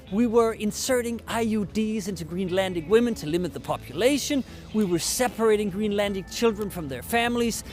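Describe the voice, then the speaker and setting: This satirical presenter is a native Danish speaker from Denmark whose scripted comedic monologue to camera comes off dry, sarcastic and falsely polite. He has a high-pitched voice with a darkish tone and a Danish accent.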